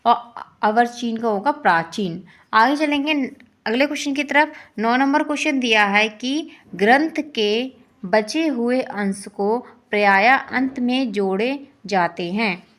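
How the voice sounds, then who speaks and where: In an exam-prep lesson, a woman with a Hindi-belt Indian accent goes over questions and answers, echoing each answer as a quiz prompt. Her voice is on the high side with a fairly bright tone.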